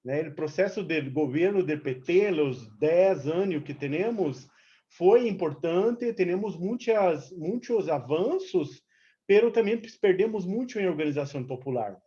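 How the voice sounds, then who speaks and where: Speaking as an activist and a movement's representative, this Brazilian woman, a native Portuguese speaker, gives an informal seminar talk that mixes Portuguese and Spanish as she hunts for words. Her pitch is fairly low and mellow, her intonation lively, her pace unhurried. Dull lo-fi online call audio.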